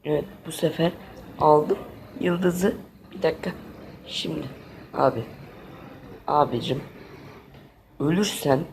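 A gaming channel host plays a video game and offers exasperated let's-play commentary, addressing both the game and his viewers. His slightly high voice is slow, gravelly and a little mellow, with long pauses and slight background noise.

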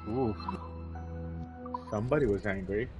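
A man's voice: on the low side, a little slow, over music. A man giving casual, rambling gameplay commentary, often muttering to himself. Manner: rambling, muttering to himself, acting out little exchanges. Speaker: gamer playing and commenting. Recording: dull lo-fi mic, clear background noise.

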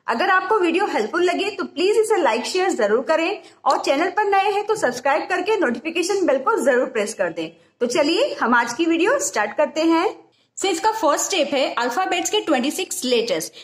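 A woman with an Indian English accent hosting a phonics lesson for parents, sounding out each letter slowly and clearly. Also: extremely high pitch, sing-song, echoey room. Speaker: teacher and channel host.

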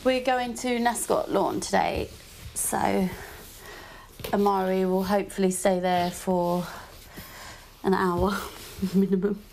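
Tearful mum, noisy home recording. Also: female voice, mid-range voice, fairly even intonation, takes it slowly, creaky, long pauses, darkish tone. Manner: sing-song baby talk, at times tearful. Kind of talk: candid documentary talk at home. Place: family home. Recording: noisy handheld documentary audio.

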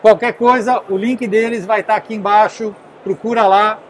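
High-voiced man interviewing at a boat show. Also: fairly even intonation, a little hiss or hum, low-quality recording. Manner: curious, conversational, quick follow-up questions. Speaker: host. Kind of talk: casual interview at a trade show. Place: indoor boat show stand. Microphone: handheld recorder.

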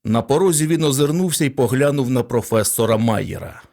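A male audiobook narrator with a mid-range voice. He tells the story in steady scripted narration. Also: mid-range voice, brisk, vocal fry.

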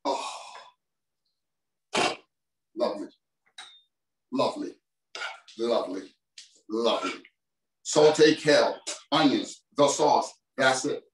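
Animated yet slow, with frequent pauses, this mid-range male voice carries a little hiss or hum. A chef in his forties, he gives a casual, enthusiastic cooking demo in a home kitchen, speaking right to viewers, with a distant camera mic producing roomy kitchen sound.

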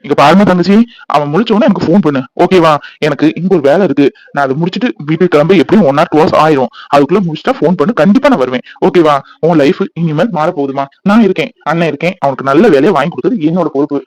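Man doing a kind brotherly cartoon friend, reassuring, slightly high voice, quick talk. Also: darkish tone, no room sound, lightly acted, poor audio. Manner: reassuring, soothing. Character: kind, generous man, old college friend, protective big brother. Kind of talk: cartoon voice acting.

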